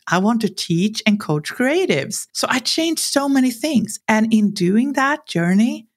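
A Swedish woman in her forties, speaking English as a second language with a Swedish accent, tells candid personal stories as a podcast guest. Her voice is a little high and unhurried, and she is animated, acting out what people said and laughing as she talks.

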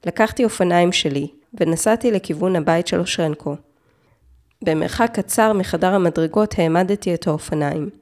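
A woman narrating a true-crime story, reading in a measured way with short, clipped phrases. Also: lowish voice, darkish tone. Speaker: podcast narrator.

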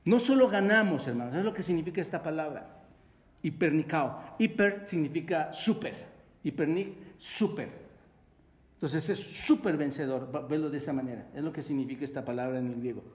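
A man's voice: on the high side, moderate pace, darkish tone. A male pastor with a Mexican Spanish accent preaching a sermon, often asking the congregation questions for them to answer. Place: church hall. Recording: echoey church hall with long reverb.

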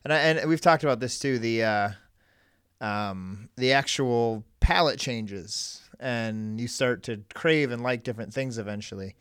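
A man's voice: mid-range voice, unhurried, fairly bright tone, clear, resonant tone, dry recording, clean studio sound. A man co-hosting a podcast, talking in a loose, rambling way with lots of fillers and restarts. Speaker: podcast co-host. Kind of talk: casual chat.

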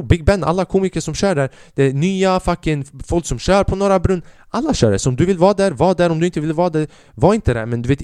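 A young man hosting his own podcast, telling a comedy club story in a profane, animated way and acting out other people's voices. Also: on the high side, no room sound, clean studio sound. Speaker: podcast host and stand-up comedian.

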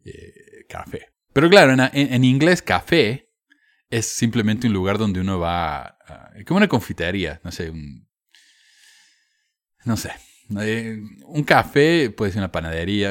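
Low-voiced man, sardonic commentary. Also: no room sound. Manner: sardonic, frank, with fillers and restarts. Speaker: commentator on religious texts. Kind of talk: casual spoken commentary.

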